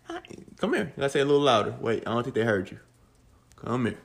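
A man's voice: medium pitch, racing, gravelly, breathy edge. A young adult man, a podcast host talking casually at home, rambling and swearing freely with many restarts. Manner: loose, profane, rambling with restarts. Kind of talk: casual solo podcast talk.

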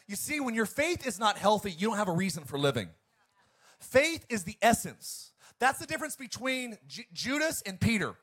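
A man's voice: sits high, sing-song, moderate pace. A male pastor preaching an emphatic sermon to his congregation. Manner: emphatic, preacherly, swings between loud and quiet.

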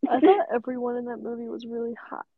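A woman co-hosts a casual podcast chat in a playful, goofy way. Her voice is high with a creaky edge. The recording is dry and a little dull. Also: fairly even intonation, fast talker, no echo. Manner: playful, goofy non sequiturs.

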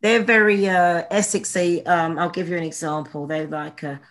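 A woman's voice: on the low side, fairly even intonation, normal speed, fairly bright tone. A woman guest chatting casually, playful and searching for words. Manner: playful, hesitant with fillers. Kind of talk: casual chat.

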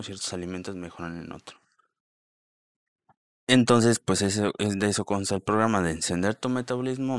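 Deep smooth-voiced man, casual podcast chat, close dry sound. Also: no echo. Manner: rambling, many fillers and restarts. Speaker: podcast host. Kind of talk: casual solo podcast talk.

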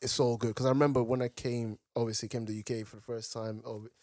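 A young man with an urban London roadman accent, telling stories in casual, slangy banter with animated reactions and repeated phrases. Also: medium pitch, quick pace, dry recording, studio quality. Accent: London, urban roadman slang style. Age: young adult.

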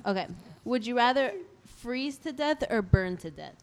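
A woman's voice: a little high, expressive, moderate pace. A young woman hosting a casual podcast chat, teasing her friends with would-you-rather questions and laughing often. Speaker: host.

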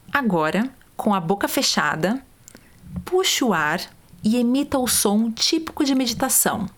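Calm woman guiding a vocal warm-up. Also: mid-range voice. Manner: calm, step-by-step, demonstrates sounds. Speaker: voice coach. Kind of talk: guided vocal warm-up instructions.

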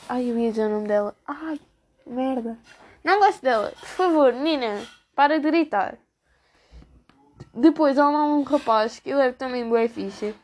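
A teenage girl with a European Portuguese accent chats casually as a student vlogger, gossiping about her class in slangy language. Her voice is high and slightly mellow.

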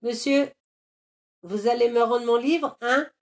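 A woman voicing a stubborn young boy, pleading and insisting in a high voice in a storybook reading. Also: slow, a little mellow. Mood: insistent. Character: stubborn young boy wanting his book.

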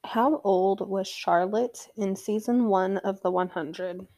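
Chatty young woman with a gravelly voice. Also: medium pitch, slow, dark tone, no room sound. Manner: chatty, swears, trails off with ums. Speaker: recap show host. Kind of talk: casual episode recap.

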